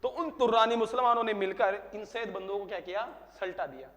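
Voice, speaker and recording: In a coaching classroom, a man gives a casual history lecture, telling stories and humorously acting out dialogue. His voice sits high and moves fairly quickly, trailed by a long reverb.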